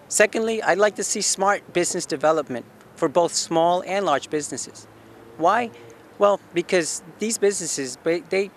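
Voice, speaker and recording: Man in his 40s, from Guatemala, slightly high voice, earnest campaign pitch, outdoors on a rooftop. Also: a bit bright, slight background noise. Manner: earnest, asks himself questions and answers them, frequent restarts. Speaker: city council candidate. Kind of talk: campaign statement to camera. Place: outdoor rooftop deck in a city.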